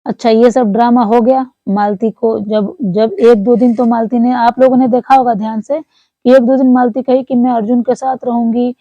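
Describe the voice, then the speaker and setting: A woman's voice: on the high side, fairly even intonation, normal speed, warm tone, no room sound, muffled recording. A woman recounting a story to her viewers in earnest, repetitive commentary, often calling them friends. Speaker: commentator on online creators.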